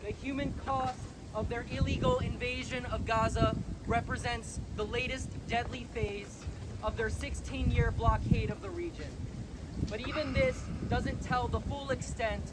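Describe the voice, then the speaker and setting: A woman's voice: fairly high pitch, fairly even intonation, measured pace, heavy background noise. Woman narrating a news explainer.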